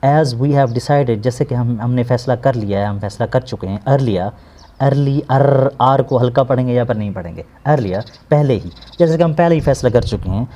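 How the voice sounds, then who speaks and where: Man, English teacher, slow word-by-word explanation, warm dark voice. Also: mid-range voice. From Pakistan. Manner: slow, explanatory, repeats words and gives synonyms. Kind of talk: English lesson, translating word by word.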